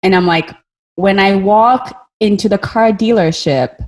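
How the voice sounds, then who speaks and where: On a candid group video call, a woman who grew up in Kenya speaks frankly in a mid-range voice at a measured pace. She thinks aloud, at times pausing to find the right word.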